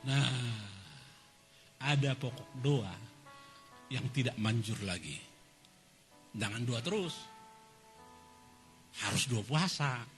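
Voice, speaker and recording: A man preaching a sermon as pastor, animated, swinging between loud and soft and acting out quoted voices. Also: mid-range voice, slow, long pauses, faint music behind.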